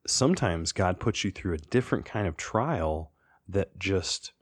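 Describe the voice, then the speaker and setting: Man, very deep voice, dry close sound, casual rambling podcast talk. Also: expressive, a little slow, slightly rough, no echo. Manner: conversational, thinks aloud with restarts. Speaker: podcast co-host.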